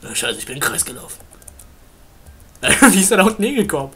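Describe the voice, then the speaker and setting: A man's voice: fairly high pitch, very animated, brisk, a bit bright, husky. A man giving casual, playful gameplay commentary as a Let's Play host, chatting and humming along while he plays.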